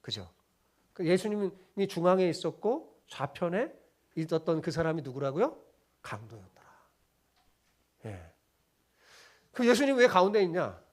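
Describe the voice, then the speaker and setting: A man's voice: high-pitched, sing-song, a little slow, pauses often, pushed and bright. A middle-aged man preaching a sermon as pastor, reading scripture with his congregation and acting out the mockers in blunt everyday speech. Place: church sanctuary.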